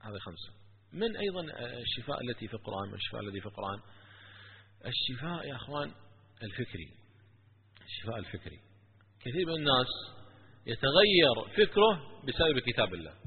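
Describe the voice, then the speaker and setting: A man preaching and telling stories in an animated religious lecture. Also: mid-range voice, fast talker, long pauses. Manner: animated, with stories and rising emphasis. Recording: tinny lo-fi with long hall echo.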